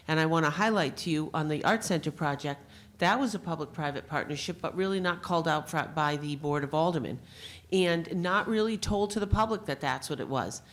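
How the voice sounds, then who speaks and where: A woman with a fairly low voice speaks at the public comment podium of a city board meeting. She presses her point insistently, with pointed complaints. The sound is that of a council meeting room. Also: a little fast.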